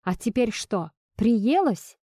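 A defiant, hot-tempered young woman, read by a woman narrating an audiobook. She snaps back sharply and with indignation, in a mellow, darker voice. The sound is dry and close to the mic. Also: fairly high pitch, sing-song, takes it slowly, no room sound, full character voice.

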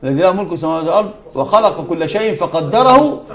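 A man delivering a religious lesson at a brisk, rapid clip, his voice sitting somewhat high for a man. He presses his points by repeating key words and weaves in scripture quotes. Now and then he turns aside to address his students directly. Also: animated, a bit bright. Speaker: sheikh teaching a lesson.

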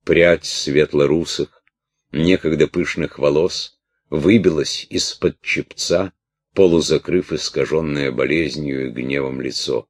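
Male audiobook narrator, very low voice, steady measured reading, dry close mic. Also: no echo.

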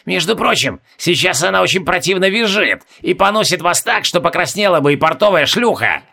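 Man voicing a rude, gravelly sorceress. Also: high voice, expressive, fairly quick, bright, forceful tone, pitched above the performer's own voice, full character voice. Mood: bored. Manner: bored, rude. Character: rude sorceress possessing a young princess.

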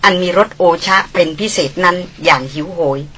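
A woman narrating a novel as an audiobook, with steady, even storytelling. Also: fairly low pitch, a little fast, slight background noise.

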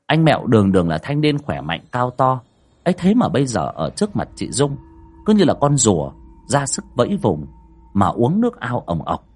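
A man's voice: normal speed, breathy edge, soft background music. A man narrating a spoken ghost story in a dramatic way. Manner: dramatic, lively pitch.

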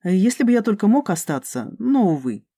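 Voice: medium pitch, sing-song, mellow, breathy edge, no echo, clean studio sound, voice pushed up. The audiobook narrator voicing a nervous male magic professor who apologizes in a hurry. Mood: apologetic. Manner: apologetic, hurried. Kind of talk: audiobook character reading.

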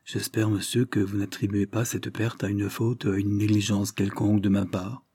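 A man's voice: fairly low pitch, little pitch movement, moderate pace, mellow, breathy edge, no echo. A man voicing a worried, deferential butler who apologizes and protests earnestly. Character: anxious middle-aged male butler, deferential.

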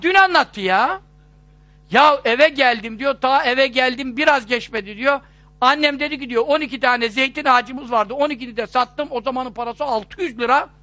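A man preaching in a lively storytelling manner, quoting hadith and acting out the people in his anecdotes. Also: extremely high pitch, no echo. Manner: animated storyteller, voices quoted people, chuckles. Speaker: religious preacher. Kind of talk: sermon-style storytelling talk.

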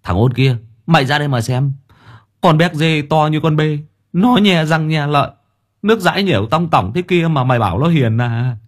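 A man doing Long Đầu Đất, a shrill cowardly fat lad. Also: normal speed, lightly acted. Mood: cursing. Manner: shrill panicky yelps and cursing. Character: fat clumsy cowardly young man, crude-mouthed.

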